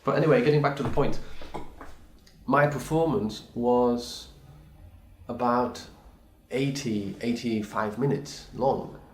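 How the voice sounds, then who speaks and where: In an echoey room, a man with a mid-range voice speaks slowly, recording a reply to a video challenge. He's a pianist whose first language isn't English, and his answer is thoughtful and hesitant, full of restarts and apologies.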